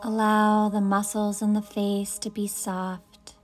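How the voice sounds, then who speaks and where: A woman leading a guided meditation, speaking in soft, soothing invitations. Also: mid-range voice, little pitch movement, slow pace, faint music behind.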